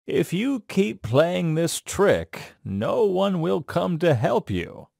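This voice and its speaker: A kindly village mayor, as a male narrator puts him on, speaks in a gentle, slightly raised voice. He talks slowly and calmly, like a patient elder. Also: high-pitched, dry recording, clean studio sound, voice pushed up, full character voice. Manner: gentle, calm warning.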